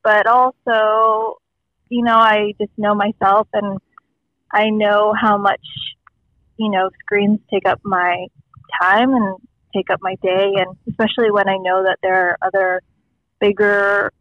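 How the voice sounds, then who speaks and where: A woman's voice: mid-range voice, little pitch movement, a little slow, no echo. A woman heard over a phone on speakerphone, chatting casually as a phone-in guest with lots of "like" and "um" fillers and frequent laughs. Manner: rambling with many "like" and "um" fillers, laughs often. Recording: dull lo-fi phone line.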